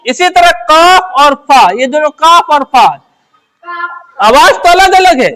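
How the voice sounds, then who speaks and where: A woman with a high voice teaches how letters are written, step by step. She keeps asking quick questions and answering them herself. She repeats her phrases as she works through each shape. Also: expressive, fairly bright tone. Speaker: Urdu teacher. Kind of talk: letter-by-letter script lesson.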